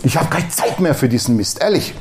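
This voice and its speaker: Pastor, male, middle-aged, plain-spoken sermon delivery with quoted voices, slightly high pitch. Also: expressive, fairly quick, darkish tone, slight background noise. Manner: blunt, colloquial preaching that acts out quoted voices.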